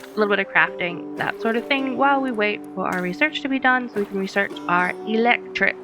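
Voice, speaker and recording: Let's play host, woman, mid-pitched, casual and chatty, thinking aloud and laughing at puns. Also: fairly quick, music in the background. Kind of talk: casual gameplay commentary.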